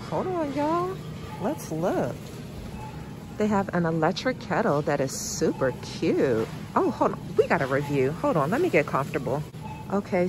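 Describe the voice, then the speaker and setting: A woman's voice: fairly low pitch, noisy background. Chatty woman vlogging in a grocery store. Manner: chatty, excitable, addresses viewers as y'all. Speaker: vlogger and therapist. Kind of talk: casual shop-with-me vlog.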